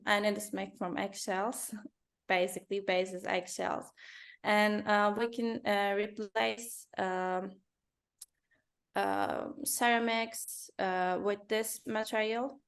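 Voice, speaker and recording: A woman from Turkey, a company founder and designer, answering interview questions in careful English with many pauses and fillers. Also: mid-range voice, fairly even intonation, gravelly, smooth. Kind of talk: business interview.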